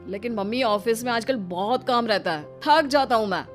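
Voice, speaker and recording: A woman's voice: fairly high pitch, normal speed, soft background music, natural voice. A woman voicing a weary young husband in a cartoon story, complaining and pleading in an exasperated way.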